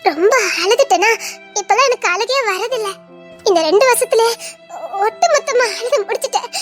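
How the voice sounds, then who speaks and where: A woman plays a young wife in a drama, crying and ashamed, her very high voice breaking between sobs and strained little laughs. She speaks with a quiet, self-denying hurt. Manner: tearful, broken, half-laughing through sobs.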